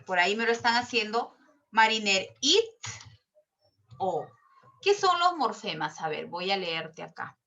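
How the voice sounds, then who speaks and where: A woman's voice: mid-range voice, big pitch swings, sharp tone, lo-fi sound. A woman teacher explaining a lesson in an online class, patient and step by step, checking with questions as she goes. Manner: slow and drawn out. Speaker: language teacher.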